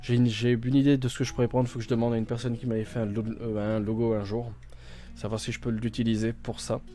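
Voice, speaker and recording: A man's voice: medium pitch, little pitch movement, quick pace, warm tone, soft background music. A man playing a video game on stream, thinking aloud with many fillers and restarts, reading game text out and translating it. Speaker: gaming streamer. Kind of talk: casual let's-play commentary.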